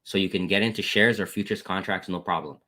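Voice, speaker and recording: A trading educator talks fast with fairly even intonation, his voice pushed and bright, as he casually walks viewers through his trades on a screen share. He keeps calling them "guys", calls out wins with "boom", and thanks chat members.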